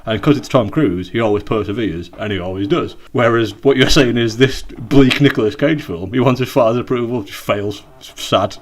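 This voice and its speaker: A British man co-hosting a podcast over a video call, rambling and joking in casual chat, often trailing off quietly. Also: mid-range voice, normal speed, hardly any pauses. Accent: British English. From Britain. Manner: rambling, jokey, trails off quietly at the ends of points. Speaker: podcast co-host.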